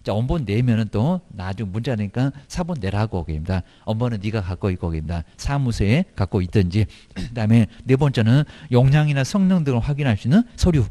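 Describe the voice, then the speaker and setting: A man's voice: medium pitch, animated, a little fast, few pauses, mellow. A middle-aged man giving a recorded exam-prep lecture, chatty and colloquial, asking his students rhetorical questions.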